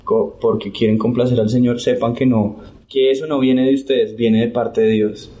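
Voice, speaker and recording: A man tells his story of faith in an earnest, animated way, acting out the voices of the people in it. His voice is mellow and sits at a middle pitch. The recording sounds slightly muffled. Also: normal speed. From Santander, Colombia. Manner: earnest, animated retelling with acted-out quotes. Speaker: guest sharing testimony. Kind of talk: casual conversational testimony.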